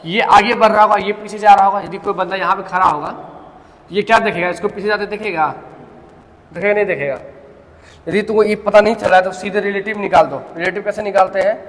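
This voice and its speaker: A man's voice: high-pitched, steady tone, brisk, fairly bright tone. A man teaching a physics class, mixing in terms and asking his students questions as he works through a problem step by step. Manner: explains step by step, often asks the class questions. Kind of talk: classroom lecture. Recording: reverberant classroom, faint background noise.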